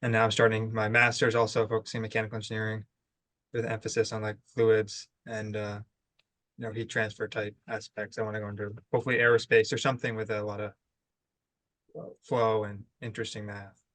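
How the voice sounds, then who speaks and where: Young man, low flat voice, dry sound. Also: brisk, no echo. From New Hampshire. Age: 20s. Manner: casual, filler-heavy. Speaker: engineering student.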